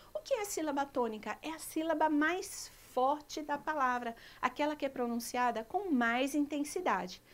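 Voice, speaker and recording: A woman teacher with a Brazilian Portuguese accent giving a televised school lesson, pronouncing each example word slowly and deliberately. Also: high-pitched. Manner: slow, clear, pronounces example words deliberately.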